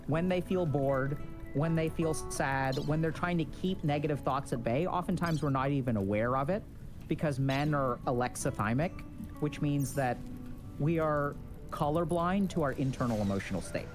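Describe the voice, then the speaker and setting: A man's voice: a little high, normal speed. A man giving an informal explanatory talk in the manner of a clinician. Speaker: mental health clinician. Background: music.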